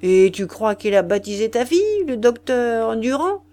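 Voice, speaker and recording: A woman's voice: medium pitch, big pitch swings, a little slow. A woman voicing an irascible, greedy male village vicar who scolds and hurls insults, in an audiobook reading. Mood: furious.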